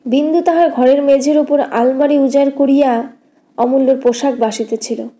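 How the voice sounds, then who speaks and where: A woman audiobook narrator reading a classic novel in a steady, measured way. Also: sits high.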